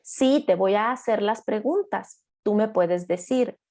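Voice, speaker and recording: A woman's voice: medium pitch, animated, unhurried, darkish tone. A young adult woman therapist giving an online master class, explaining patiently and acting out short lines of children and parents.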